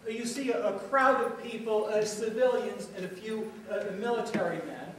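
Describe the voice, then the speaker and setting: A man playing an assured male media analyst, very high voice, halting with uh, echoey stage from far off. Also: noisy background, natural voice. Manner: explains footage step by step with frequent uh fillers. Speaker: stage actor in a multimedia play. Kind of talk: stage play dialogue. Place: theatre stage.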